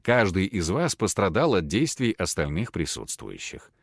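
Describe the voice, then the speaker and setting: Cold calm professor, read by a man, low voice, measured, dry sound. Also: no echo, full character voice. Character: calm, cold middle-aged male professor.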